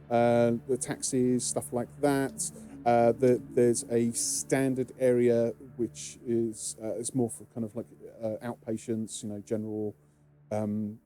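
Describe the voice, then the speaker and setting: A man with a British English accent narrates a tabletop game as game master in a warm, mid-range voice. He is hesitant, full of ums, fillers and restarts.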